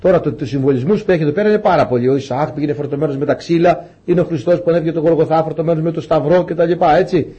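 Male preacher, husky, higher pitched, emphatic sermon delivery. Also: hardly any pauses, mellow, highs cut off. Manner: emphatic and rhetorical, acting out Bible stories.

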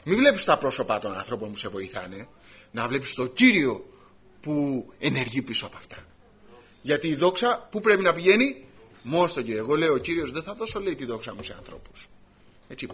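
A man preaching a sermon, animated, swinging between loud emphasis and quiet asides. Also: medium pitch, slightly rough.

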